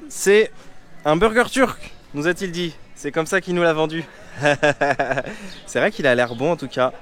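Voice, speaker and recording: A fairly high-voiced man chats to his camera at an outdoor table in town, easygoing and quick to laugh. He sounds a little worn out from travelling. Faint music plays somewhere behind him. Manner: relaxed, chatty, laughs often. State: tired. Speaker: travel vlogger. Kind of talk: casual travel vlog chat. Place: outdoors in a town, at a street restaurant.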